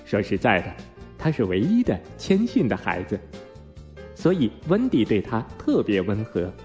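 A man reading a children's storybook aloud in an expressive, unhurried way. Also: lowish voice, soft background music. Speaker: narrator.

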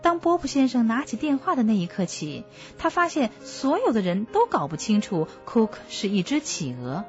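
A woman hosting a children's story program, explaining gently to young listeners. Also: on the high side, huge pitch swings, moderate pace, few pauses. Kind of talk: scripted narration for children. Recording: dull lo-fi recording with music.

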